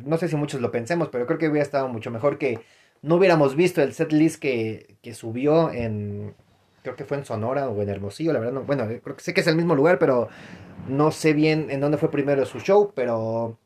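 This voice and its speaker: A man's voice: medium pitch, a little mellow. A young adult man with a Mexican accent talking casually on his podcast, rambling with many fillers, restarts and slang. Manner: rambling, frequent fillers and self-corrections, slangy. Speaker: podcast host. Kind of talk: casual solo podcast commentary.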